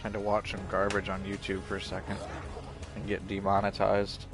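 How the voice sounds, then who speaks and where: A man's voice: on the low side, monotone, normal speed, music in the background. Profane, rambling male streamer on a headset. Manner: profane, rambling, laughs easily. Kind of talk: casual live-stream chat. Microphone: headset mic close to the face.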